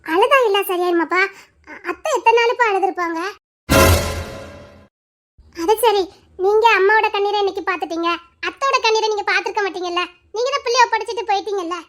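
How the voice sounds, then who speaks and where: A woman's voice: very high voice, a little fast, pauses often, a bit bright. A woman playing a bitter grown daughter who lectures her parents reproachfully.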